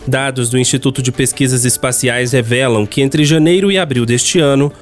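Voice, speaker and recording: A man with a Brazilian accent reading scripted news narration as a radio reporter. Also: mid-range voice.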